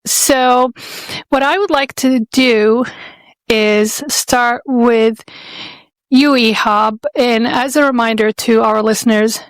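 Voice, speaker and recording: A woman's voice: fairly high pitch, steady tone, slow, no echo. A woman in her fifties from Saudi Arabia hosting a podcast, talking in an earnest, reflective way and often restarting her phrases as she searches for words. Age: 50s. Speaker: podcast host.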